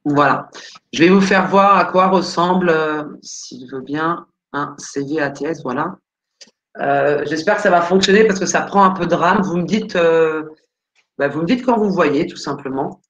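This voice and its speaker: A woman's voice: low-pitched, moderate pace, lo-fi sound. A woman career coach answering questions live on a video call, hesitant and full of fillers while searching her files.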